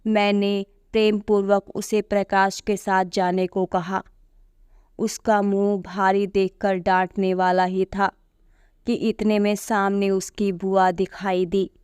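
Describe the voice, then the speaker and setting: A woman calmly reading a short story aloud to her channel's listeners. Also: medium pitch, slow, clear, resonant tone, dry recording, studio quality.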